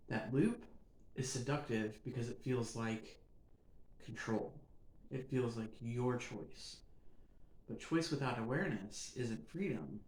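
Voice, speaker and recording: Male podcast host, mid-pitched voice, reflective scripted monologue, roomy echoey recording. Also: a little mellow. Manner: measured, earnest, building emphasis in short phrases. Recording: roomy echo.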